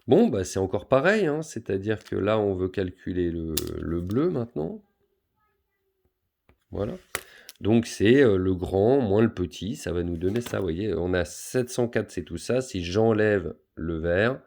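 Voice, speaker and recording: Gravelly-voiced French male teacher. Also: sits low, a little mellow. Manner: patient, talks pupils through each step, many fillers. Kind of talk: math lesson for pupils, explaining on a board.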